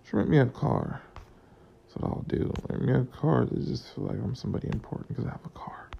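Whispering in a mid-range voice with vocal fry, this young Florida man talks briskly, and the sound is lo-fi. A vlogger with a groggy morning voice, he rambles casually and profanely about work and money, drifting between stories and life lessons.

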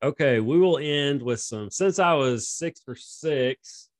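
A man's voice: medium pitch, animated, slow, no echo, clean studio sound. A man co-hosting a casual sports podcast, rambling and laughing often as he talks. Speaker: podcast co-host.

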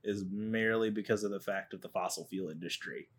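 Young guy co-hosting a podcast, kinda low voice, rambles and laughs a lot. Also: fairly even intonation, a little fast, breathy edge. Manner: rambling, laughs often, many fillers. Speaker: podcast co-host. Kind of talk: casual chat.

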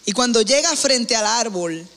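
Slow, deliberate preacher telling a story. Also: male voice, extremely high pitch, expressive, sharp tone. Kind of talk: sermon storytelling. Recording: long hall reverb.

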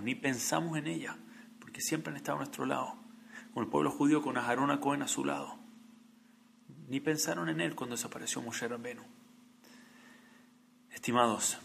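Guy preaching a torah sermon, bright edgy voice, gets loud then goes quiet. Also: fairly high pitch, vocal fry, a little hiss or hum. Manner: earnest, builds to emphatic peaks then drops to soft. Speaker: rabbi.

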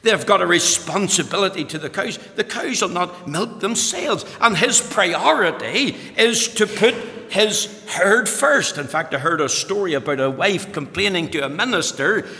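A man's voice: high-pitched, animated, moderate pace, hardly any pauses, pushed and bright, slight background noise. A man with a Northern Irish accent preaching an evangelical sermon in an emphatic way, repeating phrases for weight. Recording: echoey hall with long reverb.

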